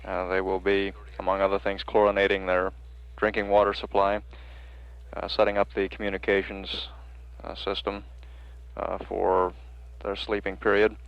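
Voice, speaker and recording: Low, gravelly man announcing. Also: completely flat delivery. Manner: measured, hesitant official delivery. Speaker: mission control public affairs announcer. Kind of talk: halting factual status report. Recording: dull archival broadcast feed.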